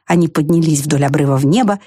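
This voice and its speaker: A woman narrating a children's storybook in a lively, expressive way. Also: low voice, quick pace, husky, dry recording, clean studio sound. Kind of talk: storybook reading.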